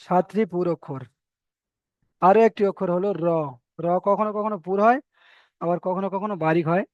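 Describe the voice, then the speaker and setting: Man, reading teacher, patient drilling, smooth clear voice, dry close sound. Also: high-pitched, darkish tone, no room sound, muffled recording. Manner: patient, slow, repeats letters for drilling. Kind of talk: online reading lesson, correcting students.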